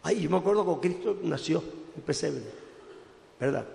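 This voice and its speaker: Male pastor, high gravelly voice, preaching in a reverberant hall. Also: moderate pace. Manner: preaching with sudden loud outbursts and quiet drops. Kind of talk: sermon.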